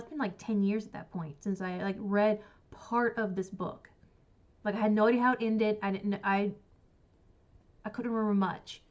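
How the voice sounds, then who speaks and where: Rambling and chatty, a woman runs a casual livestream for her book channel while congested and sniffling from a cold, her speech full of likes and ums. Her voice is mid-range, and the recording's highs are cut off.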